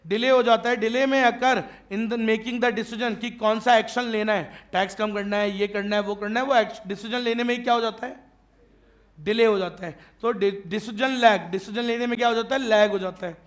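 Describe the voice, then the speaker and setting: A man lectures his class in a very high voice. He teases his students with jokes and keeps asking whether they follow. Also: steady tone, moderate pace. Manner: checks often that students follow; joking and teasing with students. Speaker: teacher.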